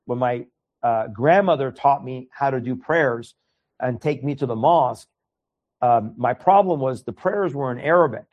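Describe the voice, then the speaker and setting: This is a man from Iran, a native Farsi speaker, talking as an interview guest at an ordinary mid-range pitch. He speaks earnestly and tends to stumble and repeat words at the start of phrases. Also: moderate pace, highs cut off. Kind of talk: conversational interview.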